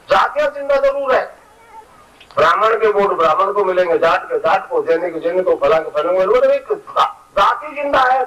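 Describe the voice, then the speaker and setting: High-voiced preacher, heard from afar. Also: male voice, fairly bright tone, highs cut off, a little hiss or hum. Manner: earnest, lamenting, repeats key phrases. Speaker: spiritual teacher. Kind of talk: preaching talk. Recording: voice heard from a distance.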